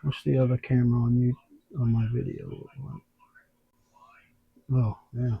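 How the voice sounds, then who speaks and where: A man's voice: medium pitch, flat delivery, measured pace, creaky, slightly rough, phone-quality sound. A man airbrushing in his home workshop, thinking aloud and muttering to himself as he works, with the hiccups, recorded on a tablet camera. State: has the hiccups. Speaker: airbrush artist. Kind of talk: casual talk while working. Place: home workshop under overhead lights.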